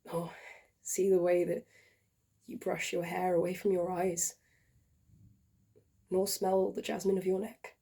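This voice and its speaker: A woman's voice: on the low side, level tone, full character voice. A woman voicing a dying lovesick soldier-poet, Cyrano. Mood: grieving, tender. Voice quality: hushed, breathy, half-whispered. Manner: tender, grieving, slow and heartfelt. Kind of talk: dramatic monologue reading.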